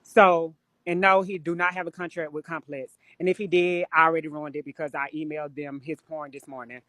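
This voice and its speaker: A woman's voice: deep voice, steady tone, fairly quick, fairly bright tone, no echo. A woman on a live stream, telling stories bluntly and with plenty of swearing in casual chat. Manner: blunt, profane storytelling. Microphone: phone or webcam on a live stream.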